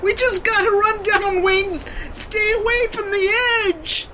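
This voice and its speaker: An earnest lead sled dog voiced by a woman in a children's audio drama. The voice is high, forceful and slow-paced, urging the team on. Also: very animated, exaggerated voice. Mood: alarmed, urgent. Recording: dull recording with faint background noise.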